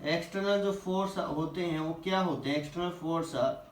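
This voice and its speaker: A male physics teacher going through quiz questions, asking the class questions and answering them himself, reading English questions slowly before explaining. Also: a little high, far from the mic, a little hiss or hum. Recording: echoey room, voice a little off-mic.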